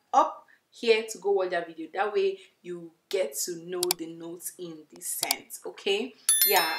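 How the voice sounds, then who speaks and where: A young woman speaks slowly and deliberately, stretching her phrases as she reviews fragrances straight to camera. The echoey room gives her voice a hollow, roomy ring. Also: lowish voice, a bit bright. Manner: chatty and emphatic, addressing viewers as "you guys". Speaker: beauty vlogger. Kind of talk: casual perfume review to camera. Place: indoor room, plain wall.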